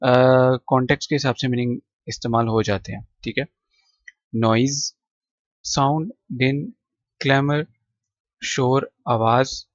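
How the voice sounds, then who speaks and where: A man teaches a textbook poem, listing synonyms slowly and repeating them so students can follow. His voice sits at a middle pitch. The recording is close and dry, with a slightly dull, muffled tone. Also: fairly even intonation, no echo. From Pakistan. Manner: patient, repeats words slowly, lists synonyms one by one. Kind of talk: classroom explanation of a textbook poem.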